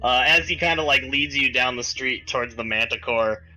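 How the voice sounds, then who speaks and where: A man's voice: medium pitch, moderate pace, pushed and bright, soft background music, low-quality recording. A man running a tabletop game as game master, narrating loosely with many fillers.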